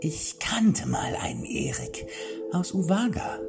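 A man voicing a deranged old male king in an audiobook, with a high, shrill, old-sounding voice that drops into manic whispers. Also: wildly swooping pitch, slow, exaggerated voice. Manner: manic, sing-song, sudden whispers and shrieks. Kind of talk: audiobook character voice. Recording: clear background music.

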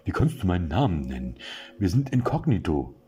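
A man's voice: sits low, very animated, brisk, warm tone, voice pushed up. A man voicing a dim, flustered male burglar who snaps at his partner in an audiobook story. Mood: indignant. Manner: indignant, flustered.

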